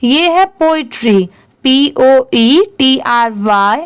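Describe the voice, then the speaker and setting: A woman's voice: high-pitched, lively intonation, clean tone. A woman teaching English reading, spelling words out letter by letter and asking and answering her own questions. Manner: reads English text word by word, very slowly. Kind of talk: slow spelled-out reading lesson.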